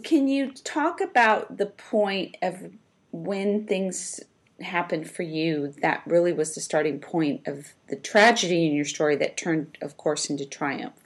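Woman host with a lowish voice. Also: a little slow. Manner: gentle, long winding questions. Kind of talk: interview hosting.

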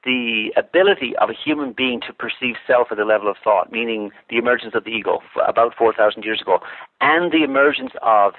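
Phoning in to a talk show, a man from Ireland shares his views in a considered way, often starting sentences over and using fillers. His voice sits at a medium pitch and moves quickly, and the phone line is tinny and dry.

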